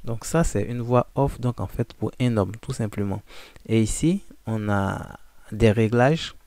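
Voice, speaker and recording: A man giving a casual, informal software walkthrough, addressing the listener directly with frequent fillers. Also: fairly low pitch, a little slow, no echo. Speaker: software tutorial presenter. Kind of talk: casual screen-recording walkthrough.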